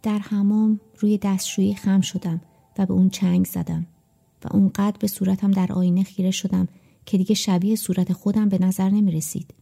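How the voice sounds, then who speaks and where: A woman reading a first-person story aloud as an audiobook, in a measured, reflective storytelling manner. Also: medium pitch, flat delivery, vocal fry, dark tone, slightly rough. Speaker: audiobook narrator.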